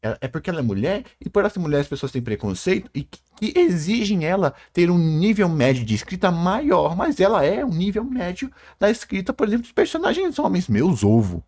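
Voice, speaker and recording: A man's voice: high voice, big pitch swings, fairly quick, hardly any pauses, darkish tone. A man reacting to a video in a heated critical rant, sarcastic and emphatic, with lots of swearing.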